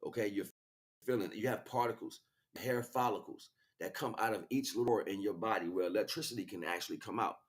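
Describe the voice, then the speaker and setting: Speaking fast in a fairly low voice, this man improvises a spiritual talk as a teacher and livestream host. He leans hard on his points, circles back to key words, and keeps posing rhetorical questions.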